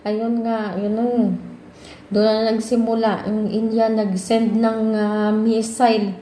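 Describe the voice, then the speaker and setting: A woman's voice: a little high, level tone, slow, mellow, slight background noise. A Filipino woman chatting casually to her viewers, often calling out to them and mixing in English. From Philippines. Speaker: vlogger. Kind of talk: casual chat to camera. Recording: echoey room with faint ambience.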